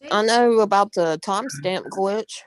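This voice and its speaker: A woman's voice: mid-range voice, a little slow, clear, resonant tone, poor audio. A woman chatting casually as a panel member on a live stream. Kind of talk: casual chat.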